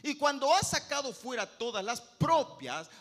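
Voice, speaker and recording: A male pastor, preaching an animated sermon and acting out the voices he quotes. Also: extremely high pitch, a little slow. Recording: long hall reverb.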